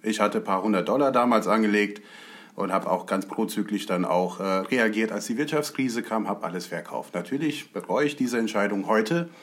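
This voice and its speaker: A man's voice: fairly low pitch, normal speed, fairly bright tone. A man raised in the USA, a guest explaining his views in an earnest, conversational way. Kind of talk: conversational talk.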